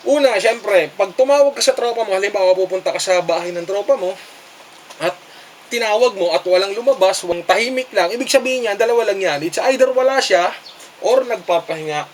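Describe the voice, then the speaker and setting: High-voiced scolding man. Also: lively intonation, fairly quick, a little hiss or hum. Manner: scolding, preachy, repeats "di ba?". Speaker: vlogger giving advice. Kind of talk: casual advice monologue.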